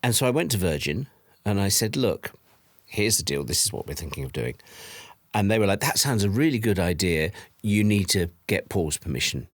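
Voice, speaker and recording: This middle-aged man, an audio drama producer, reminisces casually in a documentary interview, spinning anecdotes and performing snippets of dialogue. His fairly low voice is very animated at a normal speed, recorded with studio quality and no echo.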